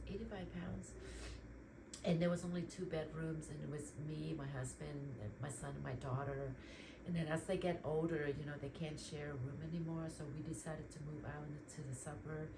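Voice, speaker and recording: Low-voiced woman from vietnam rambling on while cleaning out her closet, noisy home audio. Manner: rambling, chatty, full of ums and likes. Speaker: lifestyle vlogger. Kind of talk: casual chit-chat while decluttering.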